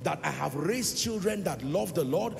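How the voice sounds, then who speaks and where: A man preaching a sermon to a congregation in a large church. His delivery swells into sing-song phrases and sudden loud rises, and he keeps asking the congregation questions. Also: a little high, expressive, normal speed, creaky, a little hiss or hum. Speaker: pastor. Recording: long hall reverb with music behind.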